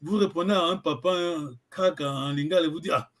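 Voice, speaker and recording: A man from Congo runs a relaxed language lesson in a high, light voice. He talks in a halting way, full of fillers and restarts, as he searches for the right word. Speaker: Kikongo language teacher. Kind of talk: informal online language lesson.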